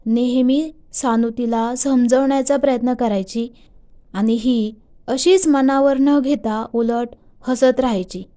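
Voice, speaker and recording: A woman narrating a love story as a storyteller, reading calmly and voicing the two friends' dialogue lightly. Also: fairly high pitch, takes it slowly.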